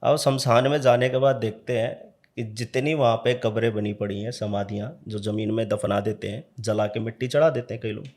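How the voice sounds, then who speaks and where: A man, a tantric practitioner, telling a true horror story as a podcast guest in a casual, animated way, acting out the dialogue. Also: on the low side, brisk.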